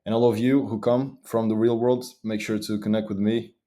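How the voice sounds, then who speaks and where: A young guest from Madeira, Portugal, answers interview questions eagerly, talking fast and often restarting his sentences. His voice sits on the low side, warm and level in tone.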